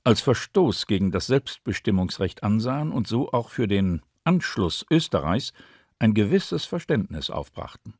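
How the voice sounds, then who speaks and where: A man's voice: fairly low pitch, sing-song, moderate pace, darkish tone, breathy edge, dry recording, studio quality. A man reading a scripted quotation in a documentary.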